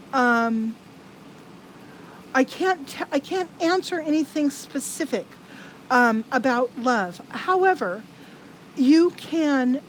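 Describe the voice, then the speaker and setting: A woman giving live tarot card readings to viewers. She talks in a halting, earnest way with many restarts. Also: high-pitched, a little hiss or hum, poor audio.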